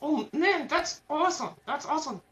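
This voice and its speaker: A woman hosts a casual livestream interview at a moderate pace, her high voice animated, enthusiastic and slangy. The audio is muffled and lo-fi.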